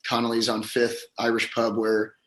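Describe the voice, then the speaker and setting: A man who is losing his voice, slightly hoarse, chatting casually as a pro athlete being interviewed. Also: medium pitch, completely flat delivery, normal speed, fairly bright tone, echoey room. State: hoarse, voice a little gone. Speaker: professional golfer, podcast guest. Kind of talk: casual chat.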